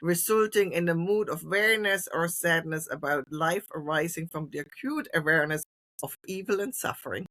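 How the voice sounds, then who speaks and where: A woman with a bright, clear voice on a podcast. She explains carefully and reads out a definition in a steady way. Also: on the low side, normal speed. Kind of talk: casual podcast discussion.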